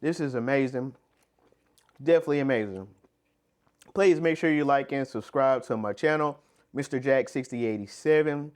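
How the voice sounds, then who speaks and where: A man's voice: mid-range voice, moderate pace, pauses often, darkish tone. A man hosting a home cooking video, demonstrating a recipe with upbeat enthusiasm and plenty of repetition. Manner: upbeat, enthusiastic, repeats himself. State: talking with mouth full. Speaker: cooking channel host.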